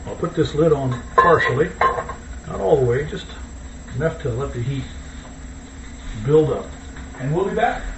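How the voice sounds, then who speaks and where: A man's voice: medium pitch, measured pace, creaky, pauses often. Easygoing man, echoey and far from mic. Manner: easygoing, thinking aloud. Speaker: home cook hosting a cooking video. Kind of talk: casual cooking chat. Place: indoors, kitchen. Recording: distant mic, dull, echoey, noisy room.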